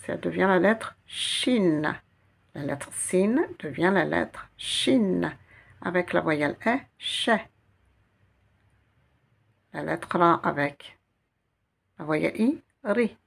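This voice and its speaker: A woman teaching a slow guided reading lesson, spelling out letters and syllables one by one and repeating each sound. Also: fairly low pitch, vocal fry, husky. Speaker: Arabic teacher.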